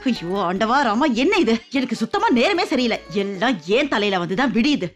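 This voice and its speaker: A woman's voice: fairly high pitch, very animated, fairly quick. An actress playing a domineering, exasperated middle-aged mother-in-law in a TV serial, scolding and bossing in a melodramatic way. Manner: scolding, bossy, melodramatic wailing. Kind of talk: TV serial acting. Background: background music score.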